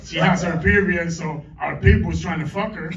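Middle-aged guy doing crude standup, teasing the crowd, kinda high voice, muffled far-off club recording. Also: moderate pace, fairly bright tone. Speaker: stand-up comedian. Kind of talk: stand-up comedy set. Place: comedy club stage. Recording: echoey club, distant mic, dull lo-fi.

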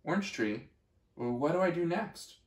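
A man's voice: on the high side, lively intonation, moderate pace, echoey room, pitched above the performer's own voice, lightly acted. A man voicing a small, timid young male acorn, asking wide-eyed questions in a storybook reading. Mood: wondering.

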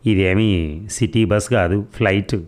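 A man's voice: on the low side, unhurried, a little mellow, lightly acted. A man reading as a flustered young wife. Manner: teasing, flustered replies. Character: young woman, newly married, shy and quick-tempered.

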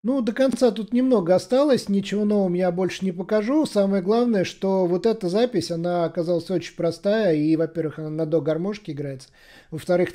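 A man's voice: high voice, dark tone. A man patiently explaining a harmonica tune step by step in a casual tutorial. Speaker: harmonica teacher.

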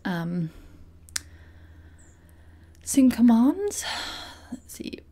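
A woman commenting on a game she is playing, gushing and giggly with excitement. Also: fairly high pitch, extremely slow. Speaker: gaming YouTuber. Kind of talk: let's play commentary.

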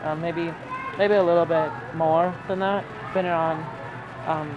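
A man's voice: on the high side, fairly even intonation, moderate pace, dull audio, over music. A man in his twenties chatting casually while shopping in a grocery store, thinking aloud with ums as he reads labels, recorded on a handheld camera. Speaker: vlogger. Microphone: handheld camera mic.

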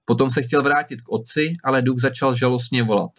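Man narrating a fairy-tale audiobook. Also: mid-range voice. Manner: steady storytelling, lively in dialogue. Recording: slightly dull recording.

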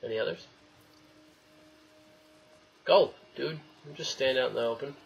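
Vocal fry and a breathy edge mark this young adult gamer's mid-range voice, delivered at normal speed in a muffled recording. He gives wry, casual let's play commentary, cursing and chatting to the characters on screen. Game audio adds noise in the background.

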